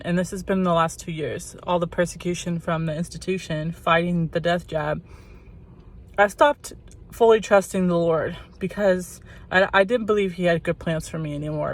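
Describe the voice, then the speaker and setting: A woman with a sore throat and a congested, swollen-sounding voice, slightly muffled by a cough drop, giving an earnest personal faith testimony as a vlogger. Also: on the low side. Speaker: channel host.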